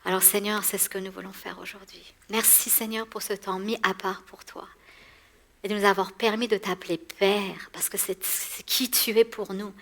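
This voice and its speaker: A woman in her forties from Iran preaches to a women's gathering in a church hall. Her voice is bright and forward, and she talks in an animated way, laughing often and stumbling over repeated words. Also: medium pitch, moderate pace.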